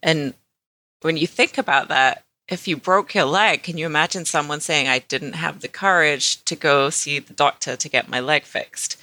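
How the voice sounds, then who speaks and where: A podcast co-host with a bright, tense-edged tone, recorded dry and close with no room sound. They talk reflectively, pausing on ums while working through an idea. It sounds like relaxed conversation. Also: mid-range voice, no room sound.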